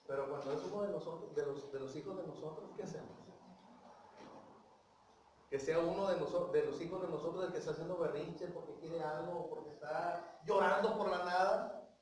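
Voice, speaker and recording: A Mexican man leads a church Bible lesson in a high voice, talking with his listeners and tossing them questions. He is recorded from far off in a hugely echoing room, with a faint hiss behind. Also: a little mellow. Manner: asks the congregation questions, tags with "¿sí?" and "¿verdad?". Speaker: preacher teaching a Bible class. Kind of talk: conversational Bible lesson to a congregation. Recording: very echoey room, mic far off.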